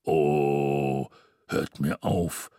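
A man voicing a grumpy, sour Father Christmas figure in a storybook reading, with a deep, sonorous voice and a growling, spiteful manner. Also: huge pitch swings, slow, creaky, breathy edge, no echo, studio quality, full character voice.

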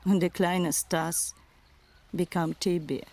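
A woman's lowish, darkish voice, steady in tone and slow, belongs to an actress in a dubbed thriller film. Her role is a proud, world-weary ex-madam turned respectable wife, delivered with disdain and wistfulness.

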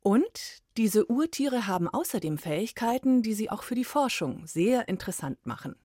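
A woman presenting a radio programme, reading a scripted introduction in a medium-pitched voice. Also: very animated, moderate pace, dark tone, no room sound, clean studio sound.

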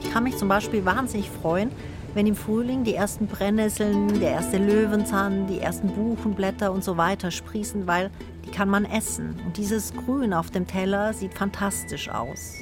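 A woman's voice: mid-range voice, steady tone, normal speed. A woman narrating her own reflective feature in a thoughtful, introspective way. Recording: narration with music underneath.

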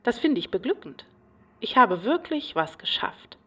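A woman's voice: fairly high pitch, very animated, measured pace, breathy edge, recorded from a distance, dull audio, full character voice. An agitated, paranoid patient rambles and repeats herself obsessively in a radio play monologue. She is recorded a little way back from the microphone. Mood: rambling.

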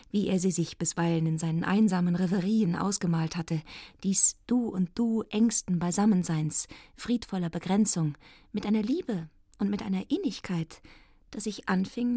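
A woman's voice: mid-range voice, moderate pace, warm tone, no echo, studio quality. A woman reading a nineteenth-century novel aloud in the first person, in an ironic, affected, theatrical manner. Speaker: reader.

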